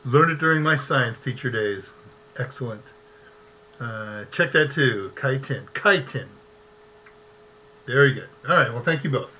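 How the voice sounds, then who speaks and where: A man's voice: medium pitch, moderate pace, pushed and bright, a little hiss or hum, rough recording. A man hosting a live tech show, chatty and easygoing, who laughs often and reads short verses aloud. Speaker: host.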